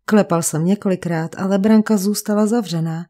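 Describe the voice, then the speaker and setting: A woman's voice: mid-range voice, steady tone, dark tone, close to an everyday voice. A woman reading the lines of a frail, refined male painter of about thirty who speaks with cultured resignation, in an audiobook. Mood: resigned, cultured.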